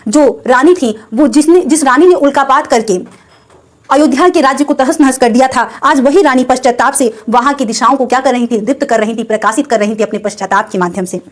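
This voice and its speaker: Woman teacher, high voice, reads a verse and then paraphrases it for students. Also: brisk. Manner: asks and answers her own questions. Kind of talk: explaining a Hindi poem line by line.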